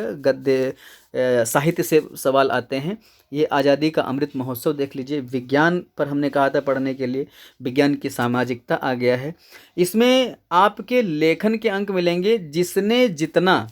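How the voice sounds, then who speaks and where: Man teaching Hindi grammar step by step. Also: on the high side. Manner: explains step by step, repeats key words, checks in with "ठीक है". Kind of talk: exam answer-key lecture.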